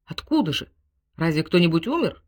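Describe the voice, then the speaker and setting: A woman voicing a quick-tempered old general who bursts out in exasperated outbursts. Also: on the low side, very animated. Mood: puzzled.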